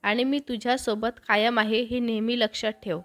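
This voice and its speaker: A woman voicing a gentle, reassuring young man in a storybook tale, speaking in a soft, encouraging tone. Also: on the high side, flat delivery, normal speed, natural voice.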